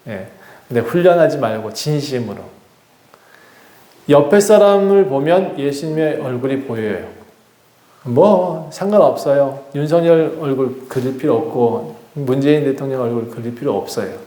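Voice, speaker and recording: A male pastor preaching a sermon in a relaxed, conversational way, putting questions to the congregation and prompting them to respond. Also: medium pitch, moderate pace. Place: church sanctuary. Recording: echoey church hall.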